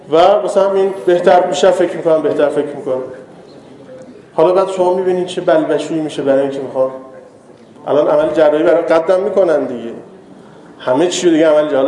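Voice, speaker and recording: A man's voice: sits high, mellow. A man giving a chatty, joking religious talk to a live audience that builds to emphatic moralizing. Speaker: religious lecturer. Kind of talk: conversational sermon to a live audience. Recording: echoey hall with long reverb.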